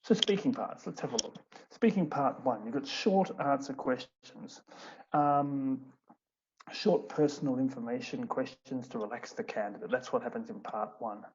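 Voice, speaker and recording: A man's voice: mid-range voice, moderate pace, a little mellow. A man, an English teacher explaining things in an online seminar, with many fillers and restarts. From Australia. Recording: muffled online stream with background noise.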